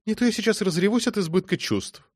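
Brief: male reader as a melodramatic noble lady, high and affected, dry close sound. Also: fast talker, no echo. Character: aristocratic lady, theatrical and tearful.

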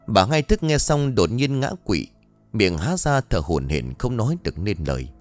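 Người kể chuyện nam đầy biểu cảm. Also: male voice, on the low side, very animated, normal speed, soft background music. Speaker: storyteller. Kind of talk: scripted narration of a ghost story.

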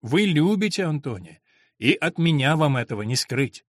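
A man voicing a passionate, brooding monk in an audiobook, speaking in a low, hushed and intense voice. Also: very animated, moderate pace, no room sound, clean studio sound. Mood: hushed, probing. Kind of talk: audiobook reading.

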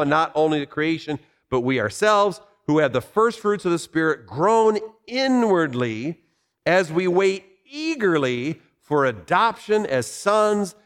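A man preaching a sermon in a conversational way, explaining Bible verses with asides and rhetorical questions. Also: high voice. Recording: long hall reverb.

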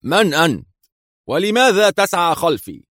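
Guy doing a screechy angry villain, yells a lot, high pitched, dry sound. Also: big pitch swings, moderate pace, dry recording. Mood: furious. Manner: yelling, high-strung. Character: furious, shouting European villain man. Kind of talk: audiobook character reading.

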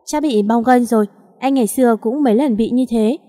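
Woman doing a sweet protective little boy, soft reassuring voice, reverby story. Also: a little high, a little fast, lightly acted. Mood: gentle. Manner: gentle, reassuring. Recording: long reverb.

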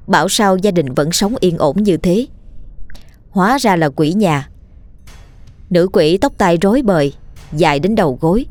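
A woman narrating a ghost story in a steady, vivid storytelling manner. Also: fairly low pitch, no room sound. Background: faint background music.

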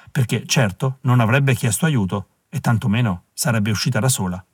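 A man reading an audiobook in a measured, even scripted narration, recorded on a close mic. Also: mid-range voice, no room sound.

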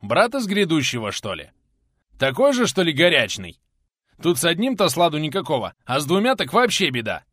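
A man voicing a stocky, bearded former outlaw, a gruff, teasing man with a hoarse, coughing voice. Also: a little high, sing-song, normal speed, fairly bright tone, no echo, clean studio sound, pitched above the performer's own voice. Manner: gruff, threatening, mocking.

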